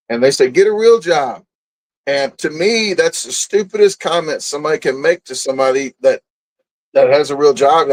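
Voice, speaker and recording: A man's voice: on the high side, poor audio. A man, a guest telling stories in a casual interview, blunt and boastful, often laughing at himself. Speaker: guest, food and camping content creator.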